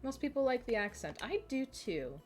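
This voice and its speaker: Streaming a game live, this twentysomething woman from Minnesota talks in a casual, giggly, self-deprecating way with a Midwestern accent. Her fairly high voice is very animated yet a little mellow, moving at a moderate pace over soft background music.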